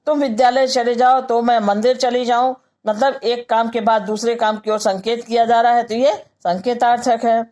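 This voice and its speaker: A woman with a Hindi accent teaching grammar in a patient lecture, saying example sentences slowly and then explaining each one. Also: fairly high pitch, steady tone, darkish tone.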